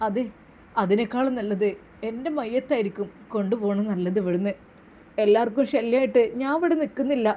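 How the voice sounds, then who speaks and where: A woman's voice: fairly high pitch, brisk, dark tone, slight background noise, lightly acted. A woman voicing a bitter, defiant young bride-to-be.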